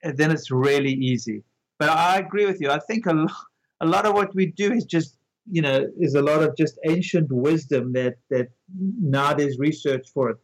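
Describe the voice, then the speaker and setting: A male clinician guesting on a podcast talks with enthusiasm in a slightly high voice. He rambles, restarts his sentences and piles on asides as he explains. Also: moderate pace, rough recording. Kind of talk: casual conversational interview.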